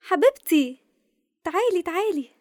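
An actress playing a lively, sardonic young Egyptian woman, a self-reliant photographer in a radio drama. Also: very high-pitched, normal speed, music in the background. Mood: wry grumbling.

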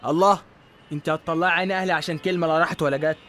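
A man's voice: on the high side, fairly even intonation, very fast, fairly bright tone, slight background noise, natural voice. A man with an Egyptian accent playing a put-upon, cheeky young working-class son in a drama, slangy and complaining. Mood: coaxing. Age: young adult. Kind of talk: dramatic dialogue.

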